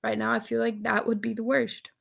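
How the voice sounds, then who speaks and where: A woman vlogging on her own, reading answers aloud and reacting with giggles and quick asides. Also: a little high, monotone, vocal fry. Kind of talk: casual solo chat.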